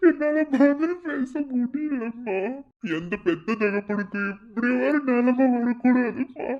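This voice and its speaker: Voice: mid-range voice, lightly acted. Performer voicing heartbroken cartoon father, tearful, pleading, dull lo-fi sound. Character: heartbroken father, weeping and bitter. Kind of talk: animated cartoon voice acting.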